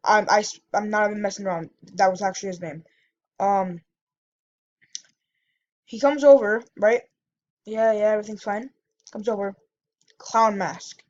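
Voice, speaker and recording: A woman vlogger spins a casual story, rambling along with plenty of fillers and quick self-corrections. Her voice sits at an ordinary middle pitch. The sound is muffled and lo-fi. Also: fairly even intonation, a little mellow.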